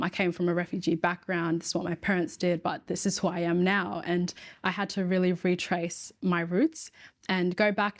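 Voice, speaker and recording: A woman, a guest in a casual interview, telling her story in a reflective, measured way. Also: on the low side.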